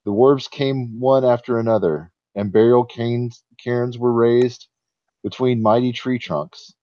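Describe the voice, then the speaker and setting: A man playing an ancient, sleepy male giant who tells old legends slowly and solemnly in a tabletop game. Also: medium pitch, fairly even intonation, no room sound, muffled recording, lightly acted. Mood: solemn, wistful.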